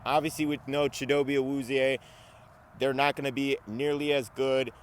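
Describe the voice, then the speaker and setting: A man giving a brash, boastful fan commentary rant, first shouting and hyped, then calmer and emphatic. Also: mid-range voice, normal speed, slight background noise. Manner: brash, trash-talking, boastful; calmer, emphatic argumentative talk. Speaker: sports YouTuber.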